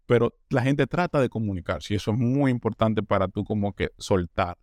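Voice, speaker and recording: Speaking in a lowish, slightly mellow voice, a talkative Colombian newcomer answers questions in a relaxed interview, animated and brisk. He frequently starts words over and performs the voices of people he quotes, with no echo in the audio.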